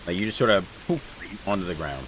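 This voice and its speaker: A man's voice: low-pitched, big pitch swings, fast talker, fairly bright tone, a little hiss or hum, poor audio. A man narrating as dungeon master on a tabletop game stream, casual and rambling with many fillers.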